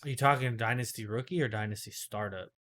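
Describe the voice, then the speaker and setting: A man's voice: lowish voice, fast talker, fairly bright tone. A man co-hosting a casual fantasy football podcast, rambling and correcting himself as he talks. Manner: rambling, self-correcting, filler-heavy. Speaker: podcast co-host.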